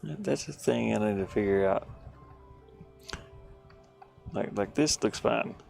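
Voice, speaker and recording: Slow and creaky, this man's somewhat low voice carries over faint music while he livestreams game development from his van. He reflects casually on what he's doing, often breaking off mid-thought, with steady background noise present.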